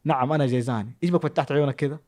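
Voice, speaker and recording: Fast-talking joking Hejazi Saudi man. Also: mid-range voice. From Saudi Arabia, Jazan. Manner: playful, teasing, jumps between loud bursts and mutters. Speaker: content creator answering follower questions. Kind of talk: casual chat.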